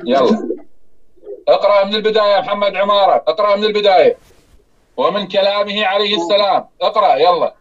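A man presses his point in a heated debate, repeating his demands relentlessly. He speaks at breakneck speed in a fairly high voice. His audio is dull and lo-fi. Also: fast talker. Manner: insistent, repeats commands over and over. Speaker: debate participant.

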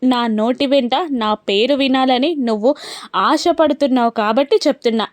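A scheming young woman teases insistently, in a woman's reading. Her voice is a bit high and sounds dry and near. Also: normal speed, dry recording, lightly acted. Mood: teasing. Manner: teasing, insistent.

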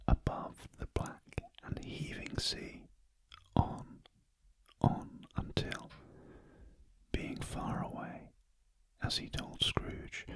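Male ASMR narrator, British accent, breathy ear-to-ear whisper throughout, very unhurried storytelling, dry and intimate sound. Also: dry recording. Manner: very gentle, hushed, deliberate. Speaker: audiobook narrator. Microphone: close ear-to-ear stereo microphone.

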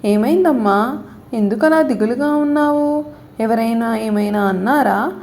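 A woman voicing a patient mother who coaxes and gently lectures her daughter, in a storybook reading. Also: on the high side, unhurried. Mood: concerned. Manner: coaxing, explains a lesson.

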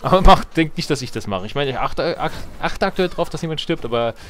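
A man's voice: fairly high pitch, expressive, fairly quick, a bit bright, a little hiss or hum. A man streaming a strategy game, giving casual, chatty commentary, joking and muttering to himself as he plays. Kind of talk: casual let's-play commentary.

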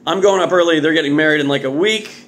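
Fast-talking and on the high side, this man in his thirties hosts a beer review vlog from a home kitchen. His off-the-cuff delivery is jokey, animated and exclamatory, sprinkled with muttered asides, recorded on a phone or webcam at arm's length.

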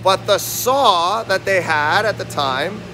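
A man's voice: high voice, slow pace, pushed and bright, a little hiss or hum. A man in his forties walks through a factory on a phone vlog, talking straight to viewers as a lean manufacturing consultant and quizzing them with questions. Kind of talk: walking factory-tour vlog. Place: large indoor factory warehouse. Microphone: phone held at arm's length, selfie framing.

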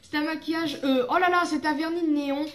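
High-voiced young woman vlogging. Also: fairly even intonation, fast talker, echoey room. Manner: chatty, rambling, fillers and self-corrections. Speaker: beauty vlogger. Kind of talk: casual haul vlog.

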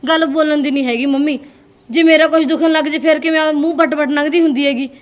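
An actress playing a resentful young daughter-in-law who argues and complains. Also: female voice, high-pitched, fairly even intonation, quick pace, lightly acted. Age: young adult. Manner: complaining, argumentative.

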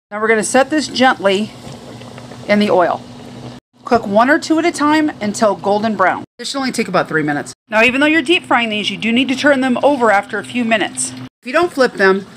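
A woman's voice: mid-range voice, fairly bright tone, a little hiss or hum. An older woman, a retired chef, talking through a home cooking tutorial in a chatty, upbeat way, filmed on a phone at arm's length in her kitchen. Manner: chatty, upbeat, step-by-step explaining. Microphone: phone held at arm's length.

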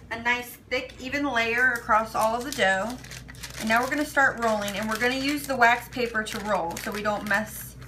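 A woman's voice: on the high side, a bit bright, a little hiss or hum, rough recording. A woman hosting a casual cooking demonstration, walking through each step in an easygoing, chatty way. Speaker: cooking video host.

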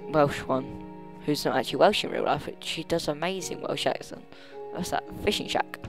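A gamer giving casual commentary while playing, rambling and thinking aloud, often trailing off mid-sentence. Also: mid-range voice. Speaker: let's play gamer.

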